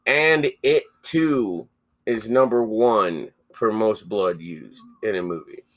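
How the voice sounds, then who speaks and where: A man's voice: fairly low pitch, slow, fairly bright tone. A man co-hosting a horror movie podcast, chatting casually, swearing freely and reeling off trivia with enthusiasm. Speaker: podcast co-host. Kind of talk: casual chat.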